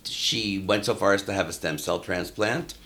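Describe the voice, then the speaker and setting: A man who works as an elder care consultant, talking in a measured, anecdotal way in a casual interview. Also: low-pitched, sharp tone, slight background noise.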